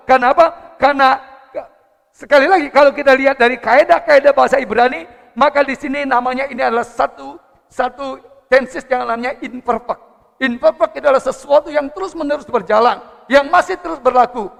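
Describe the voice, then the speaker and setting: A man's voice: very high voice, creaky, a bit bright. A man preaching a sermon, moving a prayer into teaching. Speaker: pastor. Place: church service hall. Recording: church hall reverb with faint music.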